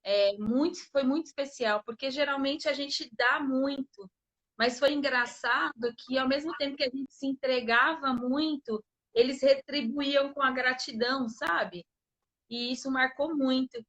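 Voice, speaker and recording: A woman's voice: high-pitched, measured pace, a bit bright, muffled recording. A woman co-hosting a casual live-stream chat, speaking in an earnest, reflective way. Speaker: co-host.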